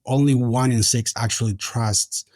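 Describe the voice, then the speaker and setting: A man's voice: medium pitch, steady tone, a little mellow, no echo, clean studio sound. A man from Argentina with an Argentine accent, a tech founder answering interview questions in casual chat, hesitant and full of fillers and restarts. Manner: halting, many fillers and restarts.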